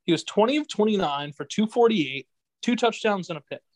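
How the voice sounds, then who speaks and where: A man's voice: high voice, lively intonation, fairly quick, no echo, poor audio. A young man hosting a casual sports podcast, rambling with restarts and laughing often. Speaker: podcast host.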